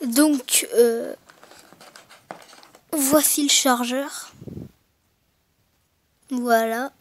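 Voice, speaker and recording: A woman's voice: fairly high pitch, fairly even intonation, very slow, a little hiss or hum. A woman recording a casual unboxing narration through a gaming headset mic, talking hesitantly with many fillers and self-corrections. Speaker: gaming video maker.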